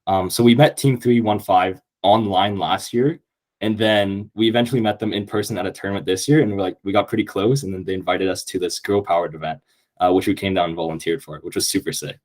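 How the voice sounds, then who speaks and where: On a casual podcast, a young adult Canadian guest who is an incoming university student talks in an eager, upbeat manner filled with fillers. His voice is low and darkish in tone, and he speaks briskly.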